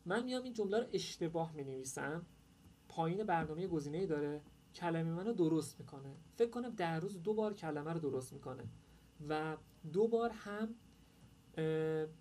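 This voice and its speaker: Over a faint hiss or hum, a man whose voice sits on the high side with a darkish tone walks through an app during an online workshop. The screen-share tutorial is casual and chatty, and he hesitates a lot, saying "uh" frequently.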